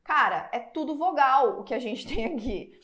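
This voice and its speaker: Expressive and high-pitched, with a fairly bright tone and moderate pace, this Brazilian-accented woman teaches Portuguese exam prep online. She works through material step by step, draws out example words, and frequently checks on her students.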